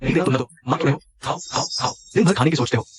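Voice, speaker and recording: A man's voice: medium pitch, quick pace, background noise, natural voice. A young man dubbing a petulant son who pleads and complains. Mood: grumbling. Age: young adult. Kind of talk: dubbed drama acting.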